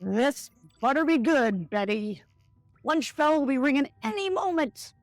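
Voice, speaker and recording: A woman's voice: sits high, expressive, a little slow, no echo, faint music behind. A woman playing a peppy, wisecracking school lunch lady heroine in a hammy comic skit, full of exclamations. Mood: dry, puzzled. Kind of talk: live comic audiobook-style skit.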